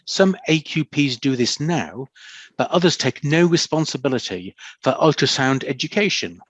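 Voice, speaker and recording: A man's voice: fairly high pitch, lively intonation, a bit bright, no room sound. A man moderating a panel debate over a video call, politely reading out audience questions and inviting panelists. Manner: polite, measured, reads questions out. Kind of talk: chairing a panel Q&A. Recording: dull, dry lo-fi call audio.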